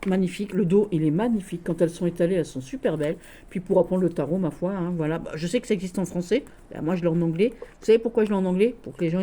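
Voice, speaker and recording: A woman chats casually and affectionately to her viewers about her tarot decks. Her voice sits fairly low and sounds soft and mellow. She talks in a loose, friendly way and keeps dropping in "voilà". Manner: chatty and affectionate, often saying "voilà". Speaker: tarot vlogger.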